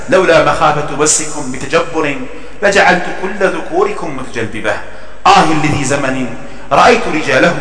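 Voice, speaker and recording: A man reciting classical poetry in a formal, emphatic and measured declamation. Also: fairly high pitch, fairly bright tone. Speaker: poet reciting his own verse. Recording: echoey, long reverb, distant from mic.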